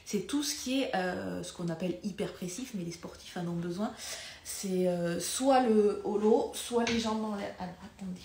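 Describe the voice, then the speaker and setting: A woman's voice: mid-range voice, a little mellow. A woman physiotherapist teaches live, in a conversational way that loses its thread now and then and then picks it up again. She moves around the room while she demonstrates. The room is echoey, with a faint ambient hum behind her. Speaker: pelvic floor physiotherapist. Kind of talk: live video lesson with demonstrations.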